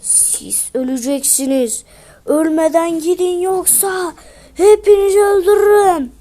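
A woman's voice: very high-pitched, fairly even intonation, measured pace, warm tone. A woman voicing a huge, hostile male ice golem who snarls threats and insults in a game video. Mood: gloating.

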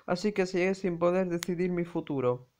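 A person reading a visual novel aloud, narrating in a steady, unhurried way. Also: mid-range voice.

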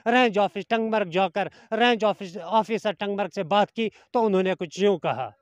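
A man in his thirties doing a news report outdoors with a handheld mic, in a forceful, accusing tone with formal officialese. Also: high voice, normal speed, no room sound. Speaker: field reporter. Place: outdoors in a forest.

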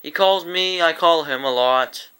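A man's voice: fairly high pitch, unhurried, pushed and bright, smooth. A man telling a rambling, profane story-time tale to his vlog audience, often breaking into laughter. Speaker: vlogger.

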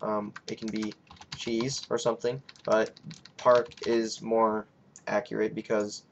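A young man with a raspy voice hosting a casual coding tutorial, rambling and hesitant with many fillers. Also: lowish voice, level tone, measured pace, dull audio, a little hiss or hum. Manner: rambling, hesitant, lots of ums. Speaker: scripting tutorial host.

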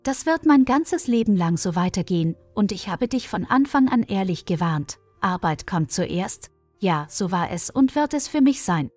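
A woman's voice: medium pitch, sing-song, normal speed, a little mellow, no echo, soft background music. A woman voicing a tired, worn-out male surgeon arguing with his wife. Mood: weary. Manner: pleading, worn-out.

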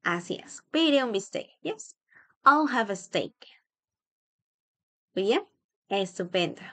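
Woman, language teacher, slow deliberate delivery, repeats phrases, encouraging, dry close recording. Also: medium pitch, lively intonation, bright, forceful tone, no room sound. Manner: patient, repeats phrases slowly and praises the learner. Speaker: English teacher. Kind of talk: bilingual language lesson.

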